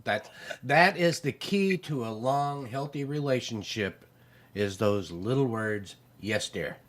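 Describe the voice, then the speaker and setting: A man's voice: mid-range voice, animated, takes it slowly, a bit bright. Easygoing rambling middle-aged man. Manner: easygoing, rambling, dry humor. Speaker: show host. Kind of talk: casual chat.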